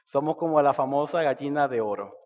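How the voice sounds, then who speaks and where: A man preaching a sermon, swinging between loud and hushed. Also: mid-range voice, brisk, big-room sound, muffled recording. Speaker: pastor. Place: church sanctuary.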